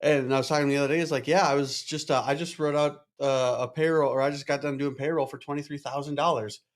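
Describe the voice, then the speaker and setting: A man's voice: on the high side, steady tone. A man hosting a podcast as a chiropractor, talking casually, swearing freely and repeating words as he goes. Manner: fast, loose talker who swears casually and repeats words. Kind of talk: casual conversational interview.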